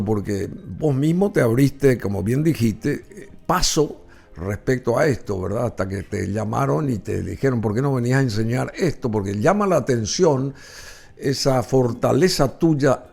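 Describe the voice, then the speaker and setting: A man's voice: medium pitch, gravelly, a little mellow. A man hosting an interview, asking long, hesitant, rambling questions. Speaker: interviewer host.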